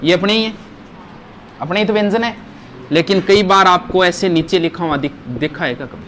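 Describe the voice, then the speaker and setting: A man's voice: high voice, normal speed, a bit bright, slight background noise. A male teacher, giving a grammar lesson to a class, asking questions and stressing words.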